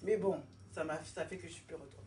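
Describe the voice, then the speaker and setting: A woman in her forties from France talks through her own story in a relaxed interview, animated, slipping into the voices of the people she quotes. She sits well back from the microphone, so her voice carries a roomy echo. A faint hiss runs underneath. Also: low voice, quick pace. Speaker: interview guest, fashion designer. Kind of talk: casual conversational interview. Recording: roomy echo, distant mic, faint noise.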